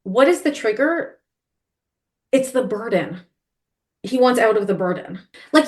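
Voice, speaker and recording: A woman co-hosting a casual book-discussion podcast, talking animatedly and quoting characters in quick asides. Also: mid-range voice. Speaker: podcast co-host.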